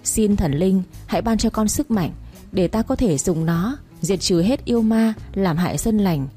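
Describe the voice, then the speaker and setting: A woman voicing a male Taoist priest who chants an exorcism slowly and solemnly. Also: mid-range voice, animated, warm tone, husky, soft background music. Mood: chanting. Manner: slow incantatory chanting.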